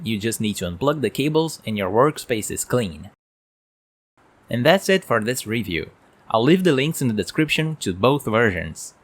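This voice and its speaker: Man reviewing microphones at his desk. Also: mid-range voice. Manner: plain, explanatory delivery. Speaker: tech reviewer. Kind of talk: product review voice-over. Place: home work desk. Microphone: desk mic on an arm.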